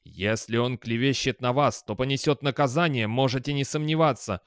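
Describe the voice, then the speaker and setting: A stern, powerful chairman, as a male audiobook reader puts him on. He speaks slowly and loudly, weighing each word, in a close, dry recording. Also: mid-range voice, clear, resonant tone, no echo, close to an everyday voice. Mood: angry. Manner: slow, weighty, commanding.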